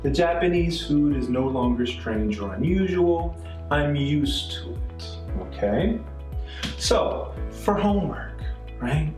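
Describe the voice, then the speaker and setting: A man's voice: on the high side, animated, slow, darkish tone. A man from Canada, middle-aged, teaching an English grammar lesson, patiently repeating points and checking in with "okay?" and "right?". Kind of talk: classroom-style grammar lesson. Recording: echoey room, mic at a distance, faint music.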